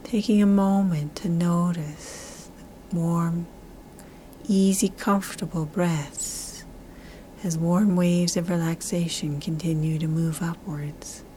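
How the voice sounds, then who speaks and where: A woman leads a guided relaxation in a soft spa-like half-whisper. Her voice sits fairly low and soothing, with drawn-out, repeated phrases. A light layer of ambient noise runs behind her. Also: fairly even intonation, rough recording. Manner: slow, drawn-out phrasing with repetition.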